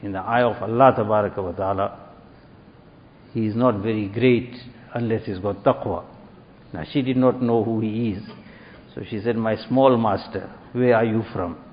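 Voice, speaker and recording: A man's voice: lowish voice, steady tone, normal speed, slight background noise. Guy preaching a sermon, acts out the story lines, dull lo-fi sound, big echoey hall. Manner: retells quoted dialogue with rising emphasis. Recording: dull lo-fi recording with long hall reverb.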